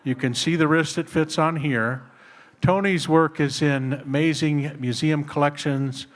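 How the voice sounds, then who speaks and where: A man's voice: on the high side, a bit bright. A man working as an auctioneer, talking to a room and calling bids live. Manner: repetitive, clipped bid calls.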